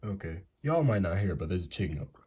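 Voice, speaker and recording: Low rambling young man with Southern accent. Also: sing-song, fast talker, dark tone, breathy edge, dull audio. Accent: Southern American. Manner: rambling and self-joking, muttering to himself. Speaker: animation channel host. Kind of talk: casual drawing commentary. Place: indoors at home.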